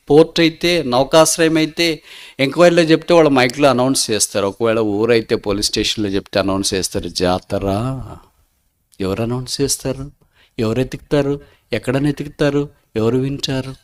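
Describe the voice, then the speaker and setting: A man with a Telugu accent preaching a sermon, telling a story in an animated way and giving the lost child and the kind man voices of their own. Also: mid-range voice.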